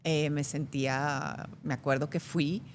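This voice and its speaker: A middle-aged actress from Venezuela, telling stories in a lively way during a casual interview. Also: female voice, low voice, measured pace, a little hiss or hum. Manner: lively anecdotal storyteller. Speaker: actress guest.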